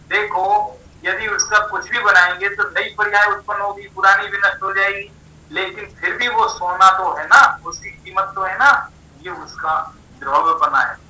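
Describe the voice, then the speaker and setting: A man teaching a philosophy lesson, explaining slowly, repeating definitions and asking rhetorical questions. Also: sits high, bright, forceful tone, echoey room, recorded from a distance, poor audio. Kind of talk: philosophy lecture.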